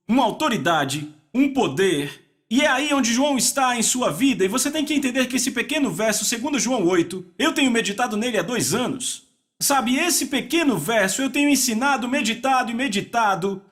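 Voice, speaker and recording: A man preaching a sermon, asking the congregation to answer and repeat key words, slowing down on weighty phrases. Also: high voice, a bit bright. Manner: asks the audience to repeat words and answer back. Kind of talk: dubbed sermon.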